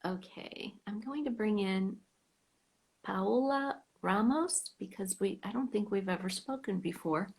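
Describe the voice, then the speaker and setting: With a medium-pitched voice and a measured pace, an American woman hosts her fan club's live stream on a video call. Vocal fry colors her casual chatter, which sometimes trails off into soft whispers.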